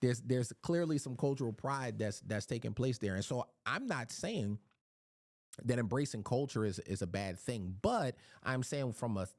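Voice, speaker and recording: A man from Philadelphia gives a casual Bible teaching, often repeating words while he searches for the right phrasing. His medium-pitched voice is expressive and a little mellow at a normal speed, recorded dry with studio quality.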